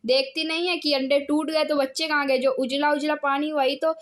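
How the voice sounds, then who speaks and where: A woman's voice: sits high, little pitch movement, normal speed, natural voice. A woman voicing a young boy who snaps impatiently at his little sister. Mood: snappish.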